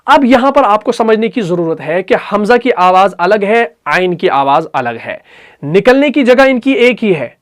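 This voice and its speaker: A man with an Urdu accent teaching Quran recitation rules, patiently repeating letters and sounds slowly. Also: sits high, very animated. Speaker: tajweed teacher.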